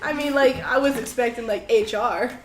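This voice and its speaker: A woman's voice: fairly high pitch, normal speed, reverberant, a loud crowd. A young woman narrating as game master of a tabletop game, in a laid-back, casual way.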